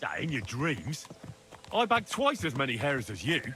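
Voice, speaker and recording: An actor playing a good-humoured young squire in a video game, a loyal companion with a wry, teasing manner. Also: male voice, mid-range voice, huge pitch swings, moderate pace, bright, forceful tone, faint music behind, exaggerated voice. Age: young adult.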